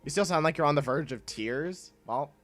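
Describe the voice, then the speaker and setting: Soft background music accompanies a young man with a slightly high voice talking at normal speed on a casual livestream. Congested from clogged sinuses, he reads and answers chat, rambling and often breaking off in laughter.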